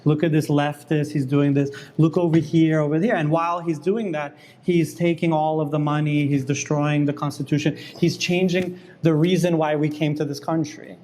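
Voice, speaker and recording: A man in the guest seat of an interview, arguing his case insistently and quickly, often cutting in. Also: on the high side, level tone, a little mellow, a little hiss or hum. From New York. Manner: fast, insistent, interrupts and argues back. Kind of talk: heated political debate.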